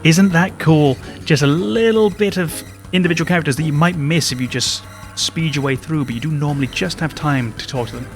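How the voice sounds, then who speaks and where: A man's voice: fairly high pitch, brisk, faint music behind. A man, hosting a let's play and chatting reflectively about what he likes in the game. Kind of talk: casual game commentary.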